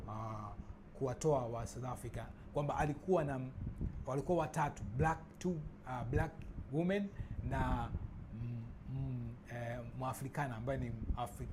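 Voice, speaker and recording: A man giving casual spoken commentary, halting and restarting often with many fillers. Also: mid-range voice. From Tanzania. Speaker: vlogger. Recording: noisy background ambience.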